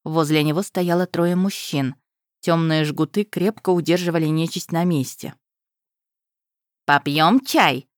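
A woman narrating a first-person fantasy audiobook in an even storytelling tone, close to the mic. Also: low voice, moderate pace, no echo. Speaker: audiobook reader.

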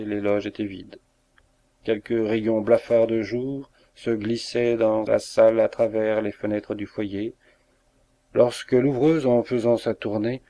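A man reads a classic novel aloud in a measured, expressive way. His voice sits on the low side, with clear storybook narration. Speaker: audiobook reader. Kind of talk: scripted narration.

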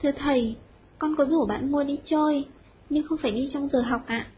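A woman's voice: high-pitched, normal speed, slight background noise, lightly acted. A woman voicing a timid, flustered schoolboy who pleads his case. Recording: dull lo-fi audio.

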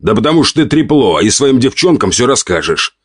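A man's voice: medium pitch, very animated, a little fast, husky, no echo, studio quality, voice pushed up. A man voicing a crude, irritable count of 48, growling and contemptuous. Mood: scornful.

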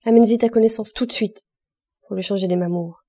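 Woman voicing a hot-tempered roofer man, gruff shouting, mellow husky tone, audiobook. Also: medium pitch, fairly even intonation, a little fast, close to an everyday voice. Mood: furious. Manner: shouting gruffly across the rooftops. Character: hot-tempered working-class male roofer.

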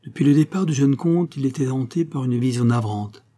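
A man narrating a classic novel in a measured, even audiobook reading. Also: medium pitch. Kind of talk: scripted narration.

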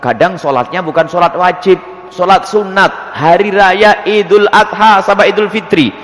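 A man preaching and answering religious questions before a congregation, acting out little scenes as he explains. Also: moderate pace. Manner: lively, acts out scenes with swooping pitch. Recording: long hall reverb.

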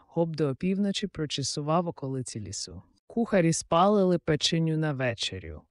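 A man narrating an audiobook with lively, expressive storytelling. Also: fairly high pitch, no room sound, clean studio sound.

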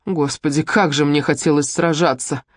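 Brief: narrator doing a doomed captive man, slow hushed pleading, dry close sound. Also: a little high, steady tone, no room sound, close to an everyday voice. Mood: despairing.

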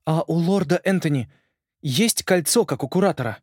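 A man's voice: fairly high pitch, animated, moderate pace, a little mellow, husky, dry recording, studio quality, voice pushed up. A male reader voicing a bold, stubborn twelve-year-old boy who argues with adults. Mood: urgent.

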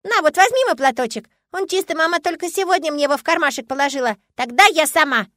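A woman voicing a caring little girl who fusses and chatters in a high, loud voice. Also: quick pace, dry recording, clean studio sound. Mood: fussing. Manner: fussing and chattering.

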